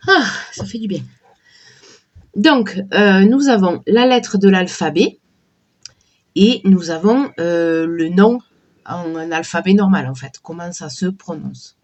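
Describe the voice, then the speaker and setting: A woman with a cold and a sore throat, slowly and hesitantly chatting while showing a deck of oracle cards. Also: on the low side, highs cut off. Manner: slow, hesitant, many fillers and restarts. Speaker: tarot and oracle card reviewer. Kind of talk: casual unboxing chat.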